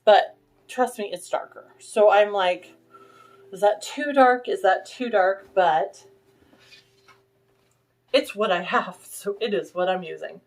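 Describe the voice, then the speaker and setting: A woman's voice: lowish voice, darkish tone. A woman hosting a casual vlog from her home sewing room, chatting in a rambling way and showing things to the camera. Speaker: vlog host. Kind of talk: casual chat.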